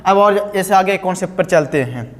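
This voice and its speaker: This male teacher's voice sits high and sounds expressive as he moves fairly quickly through a step-by-step grammar lesson. Heavy hall reverb surrounds him while he repeats key terms and quizzes his students.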